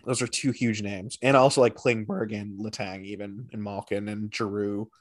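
A man co-hosting a hockey podcast, chatting casually with a friend, animated and teasing, with quick bursts of excitement. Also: lowish voice. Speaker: podcast co-host. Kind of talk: casual sports chat.

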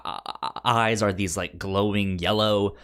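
A man's voice: fairly low pitch, fairly even intonation, measured pace, a bit bright, smooth. Stammering man podcast co-host. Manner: stammering, many restarts and fillers. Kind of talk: casual chat.

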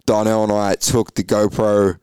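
A man hosting a casual motocross podcast, chatting in quick bursts with lots of fillers. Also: fairly low pitch, little pitch movement, a little mellow, clean tone, no echo. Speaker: podcast host.

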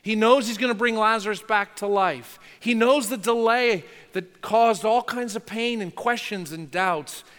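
A man's voice: high-pitched, measured pace, few pauses, fairly bright tone, in a large hall. A man preaching a sermon as pastor, talking earnestly and conversationally, with rhetorical questions to the congregation.

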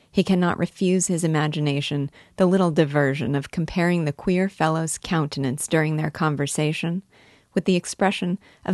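A woman reading a classic novel aloud in a measured, earnest storytelling manner. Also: low voice, darkish tone, dry recording, clean studio sound. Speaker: audiobook narrator. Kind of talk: scripted narration.

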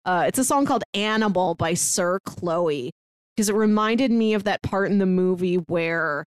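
With a lowish, clear and resonant voice, this podcast co-host from St. Louis in the United States keeps the recap chat casual, informal and enthusiastic, dropping "like" frequently. She speaks at normal speed, and the recording is dry.

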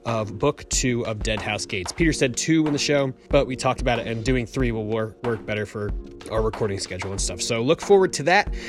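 A man's voice: medium pitch, animated, a little fast, over music. A man producing a podcast, reading the outro announcements while recording under a blanket on vacation, sounding muffled.

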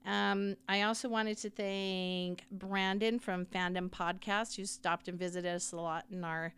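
Smooth-voiced chatty middle-aged woman. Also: medium pitch, fairly even intonation, unhurried. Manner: chatty, warm praise with frequent repeats. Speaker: podcast co-host. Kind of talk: casual chat recap.

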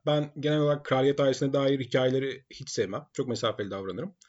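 A man's voice: medium pitch, steady tone, fast, a little mellow, highs cut off. A man co-hosting a film podcast, giving opinions in a casual, teasing way. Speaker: podcast co-host.

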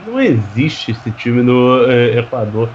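A man giving blunt live radio football analysis, halting and repeating his words. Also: mid-range voice, sing-song, a little mellow. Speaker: football pundit alongside the commentator. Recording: dull, lo-fi sound with faint noise.

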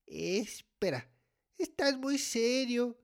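A woman's voice: fairly high pitch, expressive, drawn-out words, full character voice. A woman voicing a melodramatic young boy who exaggerates everything. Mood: distraught. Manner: melodramatic, whiny, prone to exaggeration. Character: whiny, dramatic young boy Nimo. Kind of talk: comedic voice acting.

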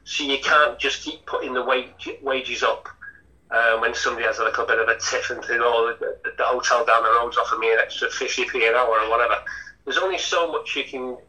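A man's voice: mid-range voice, fairly even intonation, fairly quick, sharp tone, recorded from a distance, low-quality recording. A man, a hotel chef talking through an interview with many restarts. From Lancashire, England. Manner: chatty, rambling with frequent restarts.

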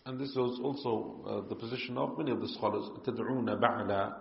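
A man teaching a religious lesson in a calm, explanatory way. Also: medium pitch, fast talker, creaky. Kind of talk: religious lecture. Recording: echoey hall, muffled.

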